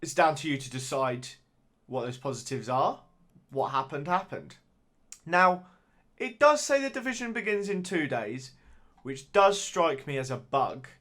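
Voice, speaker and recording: A man's voice: a little high, sing-song, unhurried, a bit bright. Man musing over a football sim. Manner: musing, hesitant, with frequent fillers and restarts. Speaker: gaming YouTuber. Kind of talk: casual gameplay commentary.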